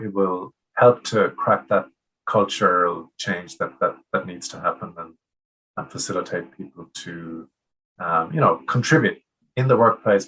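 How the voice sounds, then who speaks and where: A man's voice: low voice, bright, forceful tone, low-quality recording. A man being interviewed as a trade union guest, speaking with frequent fillers and restarts. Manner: hesitant, many restarts and fillers. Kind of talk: conversational interview.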